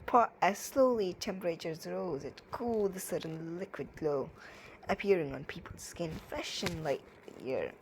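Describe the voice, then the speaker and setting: A woman's voice: fairly low pitch, animated, normal speed, a little hiss or hum, low-quality recording. A woman reading poems aloud and reviewing them in casual commentary, with sarcastic, playful, ranting asides. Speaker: poetry reviewer.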